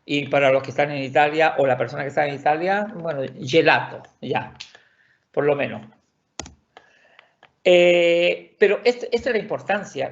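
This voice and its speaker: Man, online language teacher, patient, repetitive explainer; gravelly, dull lo-fi recording. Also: a little high. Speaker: Swedish teacher. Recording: dull lo-fi audio.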